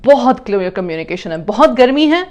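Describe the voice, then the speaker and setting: A woman's voice: a little high, very animated, darkish tone. A woman explaining communication to parents, mixing in English terms and acting out example lines.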